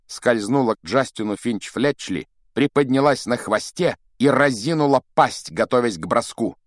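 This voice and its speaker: A man reading a children's fantasy story aloud in an animated, expressive way and voicing each of its characters. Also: fairly low pitch, no echo, studio quality. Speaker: audiobook narrator.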